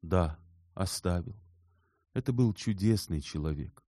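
A bashful young scholar explains himself in a careful, mild voice, as a male reader plays him, only slightly above the reader's own pitch, with a lively lilt. The sound is dry and close. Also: a little slow, no room sound. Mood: earnest. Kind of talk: audiobook character reading.

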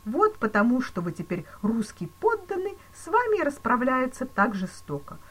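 A woman's voice: high voice, sing-song, normal speed, fairly bright tone, voice pushed up, full character voice. A woman playing a grave, regretful police chief. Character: solemn, mock-sympathetic male police chief.

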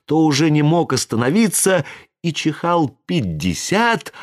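A narrator reading a fairy tale aloud with expressive, dramatic delivery. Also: medium pitch. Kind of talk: storybook reading.

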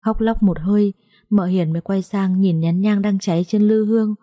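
Mellow woman narrating a ghost story. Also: mid-range voice, steady tone, normal speed.

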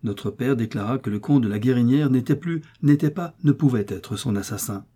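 A man's voice: mid-range voice, moderate pace, dark tone, slightly rough, natural voice. A man reading an audiobook voices a grieving young man who insistently presses an older lawyer.

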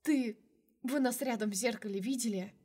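A tearful young woman lashes out indignantly in an audiobook, as a woman reads her. Her voice is raised and sharp. She sounds hurt throughout. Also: fairly high pitch, moderate pace, husky.

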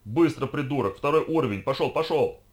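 A man's voice: lowish voice, fast talker, natural voice. A man doing a tough, bossy young woman. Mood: urgent bossing. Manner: barking orders.

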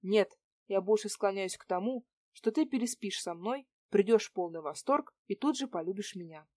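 A woman's voice: mid-range voice, lively intonation, normal speed, mellow, dry recording, lightly acted. A woman voicing a spoiled, cynical man around forty who needles and mocks. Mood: pushy, sarcastic. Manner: sarcastic, needling questions.

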